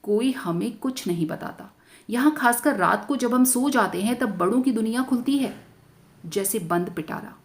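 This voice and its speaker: A woman tells a story aloud, speaking in the first person as a curious young girl and lifting her voice for questions and surprise. Her pitch sits in an ordinary middle range for a woman, and the delivery is expressive and story-paced. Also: breathy edge. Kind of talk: scripted story narration.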